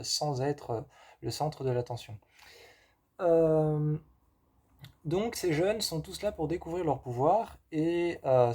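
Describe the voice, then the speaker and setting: A man casually reviewing horror films, pausing often with fillers and repeating himself. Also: medium pitch, warm tone. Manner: hesitant, many fillers and repeats. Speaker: film reviewer. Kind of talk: casual film review monologue.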